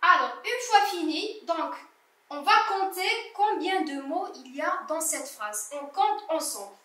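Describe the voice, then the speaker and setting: A woman's voice: very high-pitched, lively intonation, a little slow, sharp tone. A woman teaching a primary school French reading lesson, patiently sounding out words syllable by syllable for young children. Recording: echoey room, voice from a distance.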